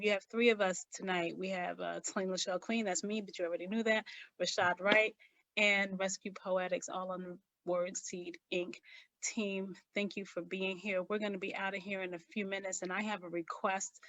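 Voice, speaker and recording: A woman's voice: mid-range voice, steady tone, moderate pace, a bit bright. Enthusiastic woman hosting an open mic. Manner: enthusiastic, encouraging.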